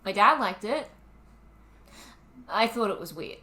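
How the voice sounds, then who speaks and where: A woman in her twenties with an Australian accent, co-hosting a podcast in casual chat, talkative and quick to laugh. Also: mid-range voice, animated, pushed and bright. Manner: chatty, laughs often, lots of ums. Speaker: podcast co-host. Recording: roomy with faint ambient noise.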